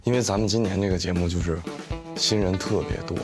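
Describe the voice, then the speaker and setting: A man's voice: deep voice, fairly even intonation, fast talker, music in the background. A man speaking in an interview as a comedy contestant, humble and earnest. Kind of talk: interview soundbite.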